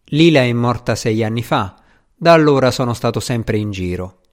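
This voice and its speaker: A man voicing an affable, breezy aging English gentleman in an audiobook reading. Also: mid-range voice, animated, moderate pace, close to an everyday voice. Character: aging genial English gentleman, vice-minister.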